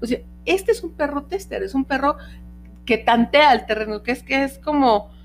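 Lady on a dog podcast, kinda high voice, lots of ums and restarts, talking into a podcast mic. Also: normal speed, soft background music. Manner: searching for words, many restarts and fillers. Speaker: podcast host, dog trainer. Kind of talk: casual explanatory podcast talk. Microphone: podcast microphone.

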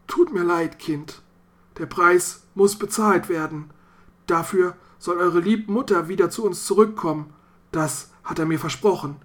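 A narrator voicing a grieving, guilty old father who speaks slowly and solemnly. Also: medium pitch, fairly bright tone, natural voice.

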